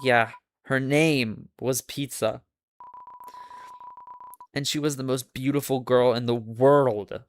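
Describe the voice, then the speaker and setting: A woman's voice: rumbling low, steady tone, slow, pauses often, no echo, pitched below the performer's own voice. A woman voicing an awkward, shy young man who hesitates and mumbles with "uh" fillers.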